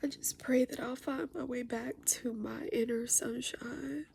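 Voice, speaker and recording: A middle-aged woman venting through tears, speaking softly in a halting, mostly whispered voice and sniffling. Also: a little high, steady tone, gravelly, slight background noise. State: tearful and sniffling. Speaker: vlogger venting. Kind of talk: tearful personal vent monologue.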